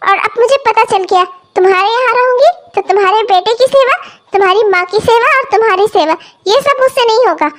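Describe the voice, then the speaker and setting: Woman voicing a cartoon stepmother, young, harsh, quarrelsome, scolding, very high voice. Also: a little fast. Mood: defiant. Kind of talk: cartoon voice acting.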